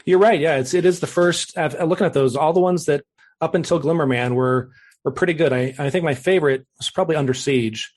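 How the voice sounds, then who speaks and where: A man's voice: fairly high pitch, a little fast, a little mellow. Forties guy hosting a podcast, laid back, chuckles a lot. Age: 40s. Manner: easygoing, laughs often. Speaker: podcast host. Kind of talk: casual chat.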